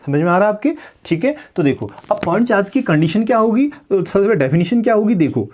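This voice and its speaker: Male physics teacher, classroom lecture, asks and answers his own questions, slow English lines, lively pitch. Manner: asks rhetorical questions and answers them himself; repeats check-ins like "ठीक है" and "समझ में आया".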